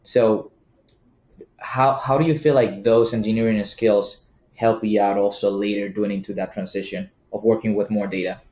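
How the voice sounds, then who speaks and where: Male podcast host, low voice, chatty, roomy and muffled recording. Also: fairly even intonation, normal speed, a little mellow. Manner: chatty, many likes. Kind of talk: casual interview.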